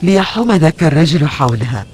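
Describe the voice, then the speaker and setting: A man narrating an audio novel in a measured storytelling manner. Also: a little high, animated, darkish tone, a little hiss or hum.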